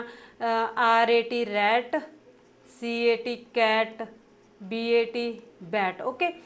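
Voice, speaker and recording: A young woman with a Punjabi accent teaches an exam-prep lesson in a voice on the high side. She explains patiently, uses many fillers, and reads the English points slowly.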